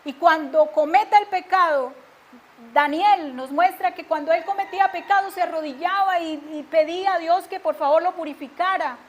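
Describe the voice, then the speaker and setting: A middle-aged woman preaching a sermon and telling her own testimony, earnest, swinging from hushed confessions to emphatic declarations. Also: very high-pitched, moderate pace.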